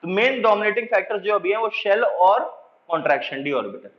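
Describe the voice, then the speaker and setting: A man with a high voice teaches chemistry in a lecture, speaking. He explains step by step, answers his own questions, and dictates slowly for notes. The sound is dull and lo-fi, in an echoey room. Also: expressive. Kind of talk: classroom lecture.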